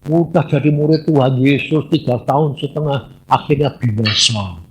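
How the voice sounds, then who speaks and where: A man's voice: mid-range voice, moderate pace, husky. A man preaching a casual sermon, teasing his listeners and acting out conversations. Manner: lively, chatty, teasing, acts out dialogues.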